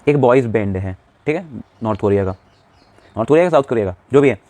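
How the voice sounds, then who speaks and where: Fast-talking young male English tutor. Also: medium pitch, expressive, a little mellow. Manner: explains, then asks the class questions and answers them himself; often says "theek hai" to check in with the viewer. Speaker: English teacher. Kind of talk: classroom lesson explaining vocabulary.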